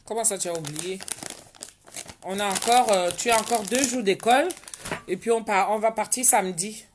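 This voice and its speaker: A woman's voice: mid-range voice, moderate pace, noisy background. A woman hosting a casual live stream from home, chatting and reading out viewers' names and comments. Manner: chatty, reads viewer names aloud and answers them.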